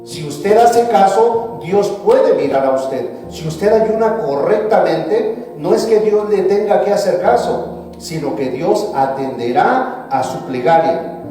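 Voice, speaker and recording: A man preaching a sermon as pastor, with emphatic rises and drawn-out stressed words. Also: high-pitched, expressive, mellow, faint music behind. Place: church sanctuary. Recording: echoey church hall, voice from a distance.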